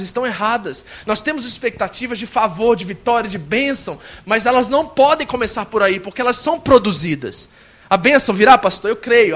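A man preaching a sermon as a pastor, swinging between soft, close passages and loud, emphatic lines, and acting out a worshipper's complaints. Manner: acts out a worshipper's complaints in a high whiny voice.

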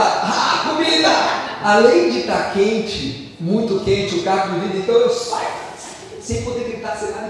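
High-voiced Brazilian pastor in an echoey hall. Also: male voice, distant mic, slight background noise. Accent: Brazilian Portuguese. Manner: animated, joking personal anecdotes. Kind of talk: storytelling sermon.

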